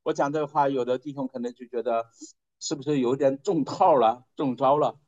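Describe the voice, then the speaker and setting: A man preaching a storytelling sermon, conversational and folksy, repeating phrases for emphasis and often letting his voice sink low and quiet at the end of a point. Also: a little fast, muffled recording.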